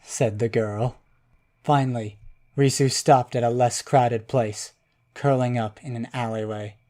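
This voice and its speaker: Calm guy reading a kids' storybook, mellow dark voice. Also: mid-range voice, unhurried. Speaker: narrator. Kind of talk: storybook narration.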